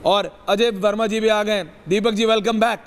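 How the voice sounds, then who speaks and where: A male news debate anchor with a fairly high voice, slipping English phrases into Hindi as he cues guests. The sound carries a long reverb tail. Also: steady tone. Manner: mixes English phrases into Hindi, brisk cueing. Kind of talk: live TV debate hosting.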